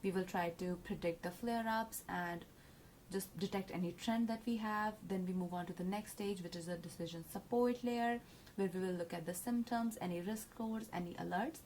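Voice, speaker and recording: A woman's voice: medium pitch, normal speed, a little mellow, slight background noise. A woman presenting her research from slides, earnest, with fillers and self-corrections. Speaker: student presenter.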